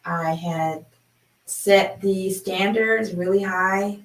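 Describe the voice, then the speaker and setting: A woman's voice: mid-range voice, extremely slow. Chatty woman in her fifties, roomy sound. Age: 50s. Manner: chatty, animated, laughs while telling. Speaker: sound healing host. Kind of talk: personal storytelling. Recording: roomy, from a distance.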